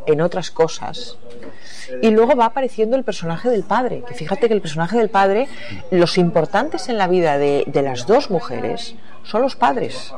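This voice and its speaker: With a fairly low, sing-song voice of darkish tone, the novelist from the United States speaks at a moderate pace in an interview. Reflective and searching, she keeps restarting her ideas partway through.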